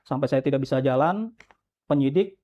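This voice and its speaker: A man recounting his detention in an interview, earnest and halting, with many restarts. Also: mid-range voice, animated, dark tone. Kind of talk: emotional testimony.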